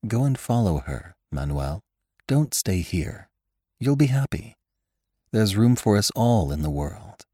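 A man reading aloud voices a gentle young man who quietly urges his brother to go, in a soft, pleading manner. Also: fairly low pitch, very animated, unhurried, husky, no echo, studio quality, exaggerated voice.

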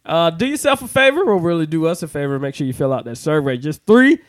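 A man hosting a podcast in a loose, hyped-up way, cursing freely and pumping up the show like a DJ. His voice sits a little high for a man. The sound is dry and close, with little room around it. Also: big pitch swings, fast talker, dry recording. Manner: hyped, shouty show intros with casual cursing. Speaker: podcast host and DJ. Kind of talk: casual podcast chat.

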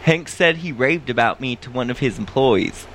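A man voicing a Southern woman talking about her clients, reading haltingly. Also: medium pitch, fairly bright tone, a little hiss or hum, lightly acted. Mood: amused. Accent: put-on Southern US. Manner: halting, stifling laughs.

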